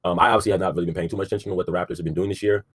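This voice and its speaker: Deep, husky young man, talking fast. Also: steady tone. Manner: laid-back, says 'like' and 'um' a lot, swears casually. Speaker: podcast co-host. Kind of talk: casual sports chat.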